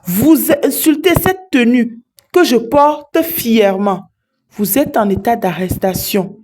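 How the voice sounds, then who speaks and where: Woman playing a stern, honest male soldier; firm and proud, mellow tone, fairly high. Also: slow.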